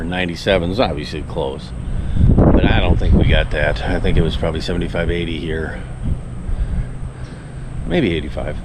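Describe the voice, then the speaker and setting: A man casually narrating an outdoor vlog in a rambling, plain-spoken way as he looks around a property. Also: deep voice. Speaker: vlogger. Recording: loud outdoor ambient noise.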